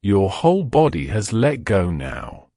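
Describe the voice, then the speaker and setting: A man slowly and soothingly guiding a listener through a relaxation and sleep hypnosis script. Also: fairly low pitch, huge pitch swings, warm tone, no echo, studio quality. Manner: slow, soothing, drawn-out delivery.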